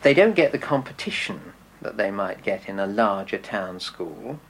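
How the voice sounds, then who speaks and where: A headmaster answers questions thoughtfully, pausing on ums as he weighs his words. His voice is low and gravelly. A faint hiss sits under it. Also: sing-song, rough recording. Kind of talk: interview answers.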